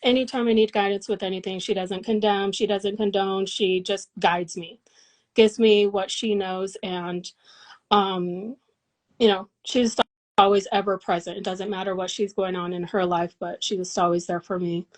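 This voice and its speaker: A woman's voice: mid-range voice, steady tone, moderate pace, rough recording. A woman in her forties from Colorado, a massage therapist and business owner, talking in a casual interview in an earnest, reflective way with many fillers and restarts. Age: 40s.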